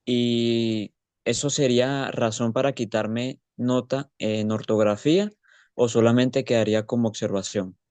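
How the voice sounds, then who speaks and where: A man's voice: medium pitch, steady tone, a little slow, darkish tone, smooth, no echo. A male student asking his teacher a question during class, phrasing it carefully.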